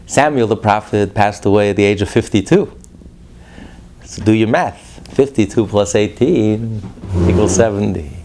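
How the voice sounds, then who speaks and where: A man preaching a sermon as a rabbi, emphatic, swinging between loud declarations and hushed asides. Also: on the low side, moderate pace, slight background noise.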